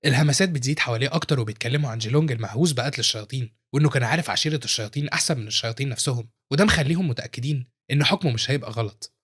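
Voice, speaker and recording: A man's voice: medium pitch, a bit bright, husky. A man with an Egyptian accent narrating a comic recap and adding joking asides. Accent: Egyptian Arabic.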